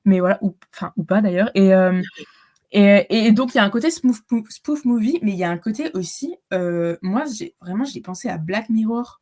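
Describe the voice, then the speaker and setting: A woman's voice: medium pitch, expressive, normal speed, darkish tone. Female podcast guest, casual film chat, hesitant and filler-heavy. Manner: hesitant, searching for words, many fillers.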